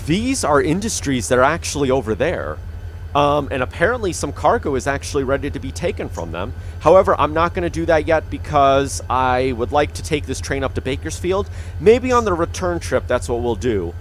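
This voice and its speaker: A man thinks aloud as he plays a train game, chatting away and coaxing the locomotive along. He has the hiccups, and his pitch sits in the middle range. A faint hum of noise runs underneath him. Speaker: gaming channel host. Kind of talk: casual gameplay commentary.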